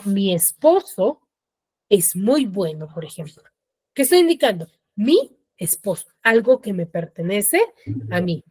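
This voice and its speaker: A woman teaches grammar online over a video call, her mid-range voice darkish in tone, recorded dry and at studio quality. She explains step by step and frequently uses tags to check that students are following.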